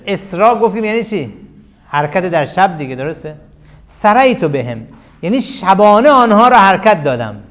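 A man's voice: a little high, fairly bright tone. Man teaching a grammar class. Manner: chants verse slowly.

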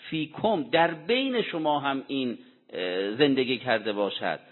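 A man's voice: mid-range voice, animated. Man lecturing over a tinny, echoey line. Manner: poses rhetorical questions and answers them himself; deliberate, explanatory delivery with Arabic quotations. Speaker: religious lecturer. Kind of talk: Quran commentary lecture. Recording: tinny phone-like sound with long hall reverb.

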